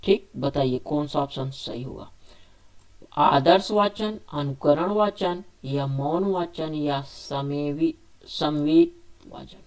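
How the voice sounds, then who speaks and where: Reading out quiz questions for an exam lesson, this male teacher asks each one and supplies the answer himself, restating the choices repeatedly. His voice is on the high side and darkish, and he speaks slowly.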